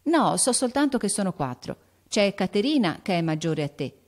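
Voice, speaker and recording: A woman voicing a spirited, impulsive teenage girl in an audiobook, with an excited, emphatic delivery. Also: mid-range voice, moderate pace. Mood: eager. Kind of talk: audiobook character voice.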